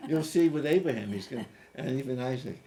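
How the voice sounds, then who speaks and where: A man's voice: mid-range voice, lively intonation, fast talker, dark tone. A man in his fifties hosting a casual, playful chat about scripture, musing aloud and laughing easily. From United States. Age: 50s. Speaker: host. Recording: faint background noise.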